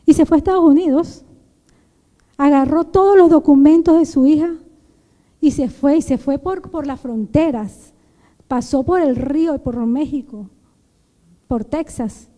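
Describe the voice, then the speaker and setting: A woman's voice: high voice, a little slow, pauses often, mellow, long reverb tail. A woman giving an emotional testimony in a sermon, retelling the story with many restarts, in a church. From Venezuela. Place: church sanctuary.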